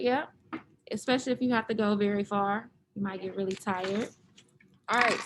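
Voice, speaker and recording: A woman's voice: medium pitch, slight background noise. A woman teacher leading an online class, patiently explaining step by step over a computer microphone.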